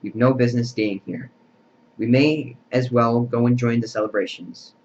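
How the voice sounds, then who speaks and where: A man voicing a calm, wise old wizard headmaster who speaks in a measured way, on a dull lo-fi recording. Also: mid-range voice, a little hiss or hum, lightly acted.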